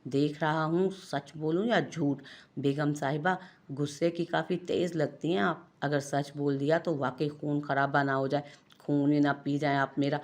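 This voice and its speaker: A woman's voice: low-pitched, steady tone, measured pace. A woman with an Urdu accent voicing a playful young husband who teases his wife with mock innocence. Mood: teasing.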